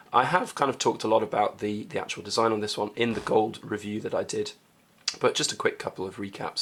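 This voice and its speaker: A man with a hoarse voice from a cold, hosting a casual coin review vlog and talking chattily with many hesitations. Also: lowish voice, fairly bright tone. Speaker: coin collecting channel host.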